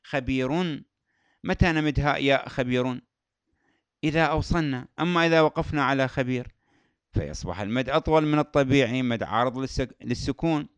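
A man teaching Quran recitation rules, explaining patiently, repeating key terms and chanting verse examples slowly. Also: mid-range voice, clean tone, no echo, dull audio. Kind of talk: tajweed lesson.

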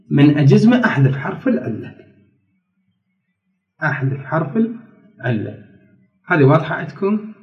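A man with an Iraqi Arabic accent teaching a grammar lesson, going step by step and often checking whether his students follow. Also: on the high side. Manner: reads rules from a book slowly, then explains. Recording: roomy, distant and dull.

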